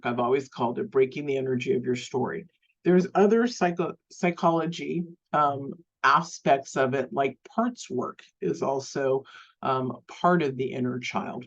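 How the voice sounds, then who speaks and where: A woman teaching a live online self-love class, speaking gently and unhurriedly, often restarting phrases and using fillers. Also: low-pitched, dull audio.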